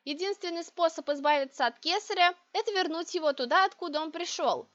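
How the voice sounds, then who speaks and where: A woman's voice: very high-pitched, brisk, fairly bright tone, voice pushed up. A woman voicing an imperious, sarcastic young sorceress who talks in cold, demanding tones. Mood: cutting. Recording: dry, dull lo-fi recording.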